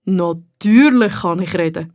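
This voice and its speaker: A woman with a Swiss German accent voicing a cheerful, talkative male garden gnome in a children's storybook, slow and deep-toned. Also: a little mellow, no echo, studio quality. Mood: content.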